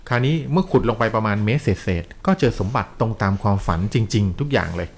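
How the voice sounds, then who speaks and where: A man narrating a ghost story to a listener in a lively, polite way, peppering it with polite particles. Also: fairly low pitch, fast, creaky.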